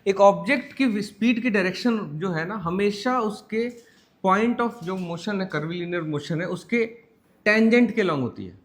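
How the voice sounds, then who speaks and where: A man with an Indian accent teaching physics, mixing Hindi and English, checking in with his students and dictating notes word by word. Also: high-pitched. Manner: mixes Hindi and English, asks students frequent check questions; slow, word-by-word dictation while writing. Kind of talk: classroom lecture.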